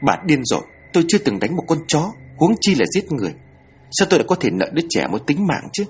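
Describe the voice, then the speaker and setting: A man's voice: on the high side, very animated, fast talker, a little mellow, husky, voice pushed up, exaggerated voice. A man voicing a frightened young woman, tearful and panicked. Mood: hysterical.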